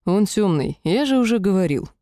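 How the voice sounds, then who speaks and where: A woman reading the lines of a gentle male elf healer in an audiobook, softly and affectionately. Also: mid-range voice, animated, moderate pace, dry recording, studio quality, lightly acted. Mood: earnest. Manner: soft, quiet, affectionate.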